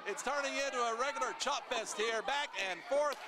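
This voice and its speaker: A man's voice: extremely high pitch, moderate pace, a loud crowd. A man calling live wrestling action as play-by-play commentator in a noisy venue.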